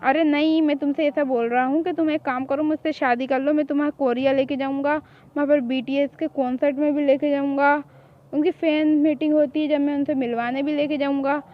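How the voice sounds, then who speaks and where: A woman playing a teasing, smooth-talking young man. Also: high voice, fairly even intonation, brisk, highs cut off, close to an everyday voice. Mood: coaxing. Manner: coaxing, teasing. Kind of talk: hobby fan drama.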